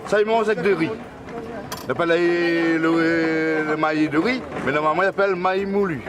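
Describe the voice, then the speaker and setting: A man's voice: fairly high pitch, normal speed, background noise. A man at an outdoor market explaining corn products to visitors, quizzing them as he goes. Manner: lively, quizzing the listener. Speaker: corn mill vendor. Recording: loud crowd behind.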